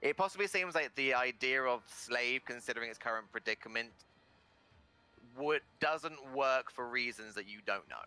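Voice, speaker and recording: Very bright-voiced man running a fantasy game. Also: mid-range voice, expressive, moderate pace, smooth. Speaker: game master. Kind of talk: narrating a tabletop fantasy game.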